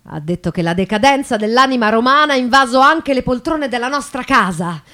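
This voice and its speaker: An actress plays a bitter, elegant, proudly ironic 19th-century bourgeois wife in a confessional stage monologue, moving between hushed and declamatory delivery. Her fairly high, animated voice runs fairly quick, tense and agitated. It's a theatrical monologue with live guitar music behind it.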